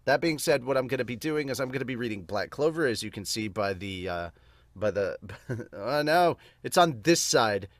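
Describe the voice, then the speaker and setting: Speaking unscripted to his viewers, this podcast host and amateur manga dubber rambles in a chatty, self-correcting way. His medium-pitched voice is expressive at a normal speed, captured in a dry recording.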